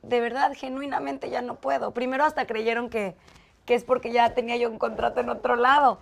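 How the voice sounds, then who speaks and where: A woman with a Mexican accent, a guest in an interview, telling a story with lively acted-out dialogue. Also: fairly high pitch, brisk, creaky. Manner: animated, acts out quoted dialogue.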